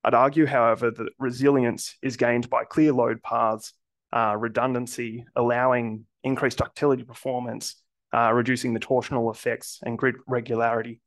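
A New man speaks on a construction panel with a gravelly, creaky edge to his voice. He delivers his prepared points in a measured, even way, set at a middle pitch. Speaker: structural engineer panelist.

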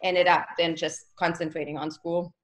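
A German woman in her forties, from near Salzburg, joins a video call from a room at home as a guest costume designer, her voice coming through a webcam. She speaks at a normal speed in a lowish, fairly bright voice with flat delivery and a German accent. It's a casual interview chat, and she laughs easily.

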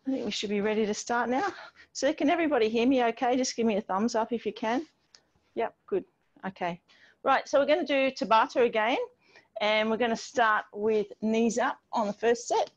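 This middle-aged instructor runs her online workout from an outdoor patio beside a garden wall, cheering the group on with step-by-step cues as she exercises alongside them. She speaks a little fast, her voice on the high side. The video call audio, picked up by a distant device microphone, sounds dull and band-limited.

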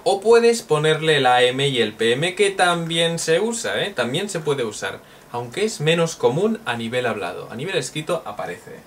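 A man teaching a recorded language lesson, drilling phrases slowly and joking as he goes. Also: mid-range voice, a bit bright. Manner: slow, repeats drill phrases, jokes and laughs. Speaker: Japanese teacher. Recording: distant mic with faint noise.

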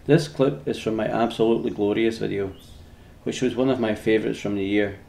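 A man's voice: fairly low pitch, fairly even intonation, brisk, creaky, warm tone. A man in his fifties with a Scottish accent, talking informally as a landscape photography vlogger. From Scotland. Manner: informal, sweary. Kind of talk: casual vlog talk and narration.

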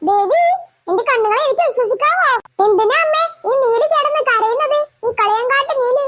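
Snarky jealous sister-in-law, woman voicing, loud high cartoon voice, taunting. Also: moderate pace, noisy background. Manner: sarcastic and taunting. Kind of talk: cartoon voice acting.

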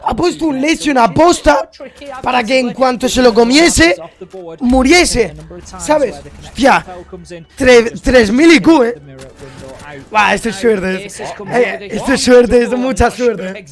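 Hoarse young Spaniard with a high voice, gaming commentator who keeps repeating his exclamations. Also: slow pace, pauses often. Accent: Spain Spanish. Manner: repeats phrases, exclaims at plays. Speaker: gaming YouTuber commenting on clips. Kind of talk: casual gameplay commentary.

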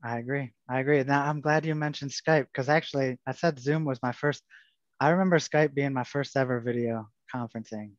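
A man's voice: medium pitch, fairly even intonation, fairly quick, no room sound. A man hosting a casual webinar chat over a video call, jokey and upbeat. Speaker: show host. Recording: muffled video call audio.

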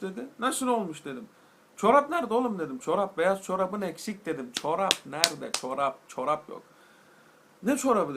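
A young Turkish man vlogging casually, telling a crude, animated story and playing both sides of the dialogue himself. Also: fairly high pitch, creaky. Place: night train, recorded on a phone. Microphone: phone.

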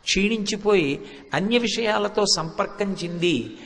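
A man's voice: high-pitched, a little slow, vocal fry, a bit bright. A man giving a devotional discourse from a stage, telling anecdotes and reciting verses, stressing points by repeating words. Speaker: spiritual discourse speaker. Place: stage before an audience. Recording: echoey hall with long reverb.

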